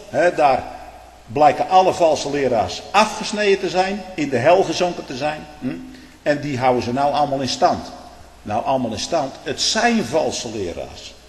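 A man preaching a stern sermon in archaic biblical phrasing. He swings between booming proclamation and low muttered asides, often tagging lines with "hè?" and "hm?". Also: a little mellow. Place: church. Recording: echoey reverberant hall.

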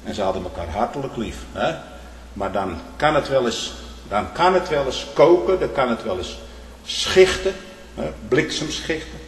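A man preaching a sermon in a church, tagging his phrases with "hè" and swinging from loud emphasis to hushed tones. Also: medium pitch, lively intonation, normal speed, slight background noise. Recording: echoey hall with long reverb.

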